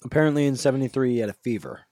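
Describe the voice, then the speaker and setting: Animated man telling a story at home. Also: medium pitch, very fast. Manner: relaxed storyteller, animated delivery. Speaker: podcast host. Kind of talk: casual chat and anecdote.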